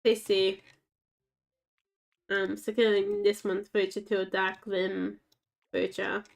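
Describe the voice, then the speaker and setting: Speaking slowly in a flat, monotone, medium-pitched voice with vocal fry, this woman streams a game and offers casual commentary. Her voice is naturally scratchy, and she chats away in a rambling manner to herself and to the game's dogs.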